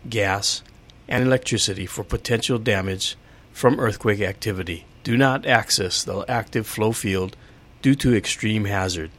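A man reading a public safety bulletin as a civil defense announcer, with a measured, formal official delivery. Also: fairly low pitch, a bit bright.

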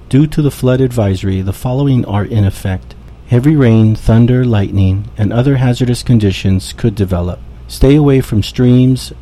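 A man reading a public emergency advisory as a civil defense announcer, in a formal, measured way. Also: mid-range voice, mellow. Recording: muffled with faint background noise.

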